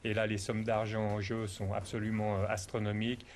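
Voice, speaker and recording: A man who used to manage a boxer, explaining things in a measured way as a guest on a TV talk show. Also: fairly low pitch, monotone, slight background noise. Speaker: former boxing manager.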